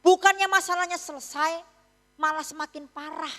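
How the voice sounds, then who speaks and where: A woman's voice: very high-pitched, steady tone, moderate pace, bright, forceful tone, in a large hall. A woman preaching a sermon in a church, telling a story in a chatty, teasing way with frequent tag questions.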